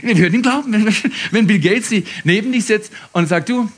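A man giving a sermon, talking with lively swings from loud emphasis down to soft whispers. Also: high-pitched, brisk, husky. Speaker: preacher.

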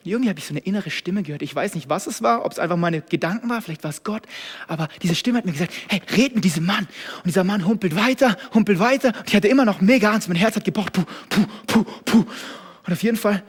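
A young German man preaches a lively sermon, jumping between loud, energetic calls and hushed, intimate asides. His voice sits high. The sound rings out with a long hall reverb. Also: very fast, breathy edge. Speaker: pastor.

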